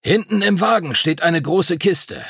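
A man doing a gruff one-eyed teacher. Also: on the high side, lively intonation, a little slow, a bit bright, no room sound, studio quality, pitched above the performer's own voice, exaggerated voice. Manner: curt, gruff.

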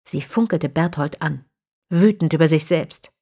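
A woman narrating an audiobook in a measured, even storytelling manner. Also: low voice, husky.

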